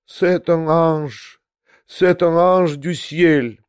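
A man reading an audiobook, voicing a frail, frightened old prince who pleads in a slow, trembling voice and slips into French. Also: on the high side, animated, a little mellow, no echo, clean studio sound, pitched above the performer's own voice. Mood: tearful. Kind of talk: audiobook character voice.

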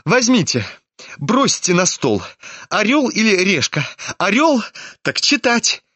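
A man reading a novel aloud, voicing a sick, hysterical young man in excited, shrill outbursts. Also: slow pace, no room sound, full character voice. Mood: feverish agitated. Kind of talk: audiobook character reading.

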